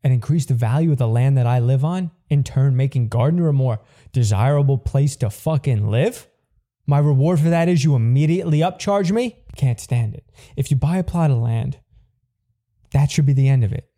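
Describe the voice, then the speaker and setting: A man's voice: medium pitch, normal speed, mellow. A man hosting a solo comedy podcast, ranting indignantly and swearing freely in exasperation. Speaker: podcast host.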